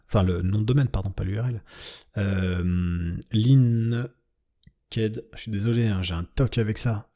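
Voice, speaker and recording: In a lowish, mellow voice, a man walks viewers through a screen-shared coding tutorial one step at a time. He frequently checks in with "d'accord?" and trails off while thinking aloud over his typing.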